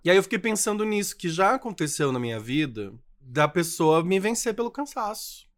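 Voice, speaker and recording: A man's voice: sits high, big pitch swings, a little fast. A man with a Brazilian Portuguese accent co-hosting a podcast in casual, playful chat, teasing his co-host.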